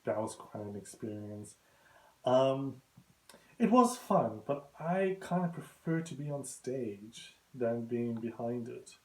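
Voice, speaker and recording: A man's voice: mid-range voice, animated, slow, a little mellow, low-quality recording. A man hosting a casual show, telling rambling backstage stories in a chatty way and often laughing at himself. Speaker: host. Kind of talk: casual anecdotal monologue.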